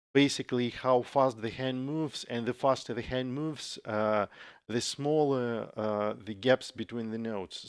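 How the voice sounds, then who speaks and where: A man explaining music software step by step in a tutorial, with frequent pauses and fillers. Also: mid-range voice, clean tone, no room sound, studio quality. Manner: slow, methodical explaining with frequent uhs. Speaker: software developer demonstrating a plugin. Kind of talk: screen-recorded tutorial. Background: guitar samples playing from the software.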